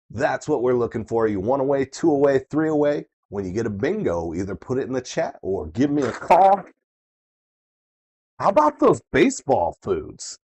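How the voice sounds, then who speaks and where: A man working as a bingo caller, hosting a live game with playful, excitable showmanship, repeating the numbers and chatting casually with players. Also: mid-range voice, slightly rough. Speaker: bingo caller and host of a live online bingo night. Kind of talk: bingo caller, calling numbers twice amid casual chat.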